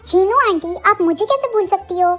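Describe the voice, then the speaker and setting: A woman voicing a sweet, shy young woman in a Hindi fan audio story, soft and polite. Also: very high voice, moderate pace, over loud music.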